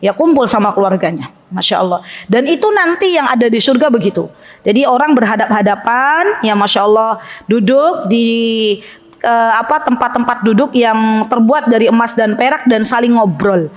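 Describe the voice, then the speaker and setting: Lively woman teaching a women's study group. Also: fairly high pitch, moderate pace, lo-fi sound. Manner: lively, playful, acts out little scenes. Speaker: Islamic religious teacher. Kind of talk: religious study talk to women.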